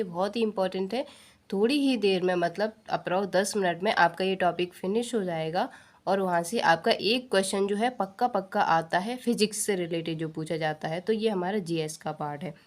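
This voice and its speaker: Speaking at a moderate pace in a lowish voice, an Indian woman gives an exam-prep science lesson. She asks her own questions and answers them, goes over key points repeatedly, and uses English technical terms.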